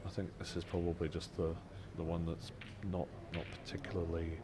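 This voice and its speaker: Deep-voiced pool commentator. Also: male voice, flat delivery. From Scotland. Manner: measured, analytical shot-by-shot remarks. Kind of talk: live sports commentary. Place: busy pool venue. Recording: crowd noise in a venue. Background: crowd chatter.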